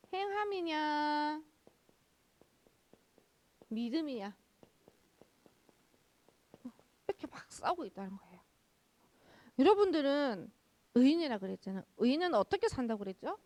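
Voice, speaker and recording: A young woman pastor giving a children's sermon, lively, asking the kids questions and answering them herself. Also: high voice, a little slow, long pauses, no echo.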